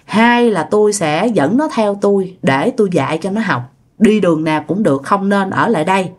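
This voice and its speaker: A woman's voice: mid-range voice, expressive, brisk, close to an everyday voice. A woman voicing a stern, confident male exorcist giving instructions to a family, in her own everyday voice. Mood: instructing.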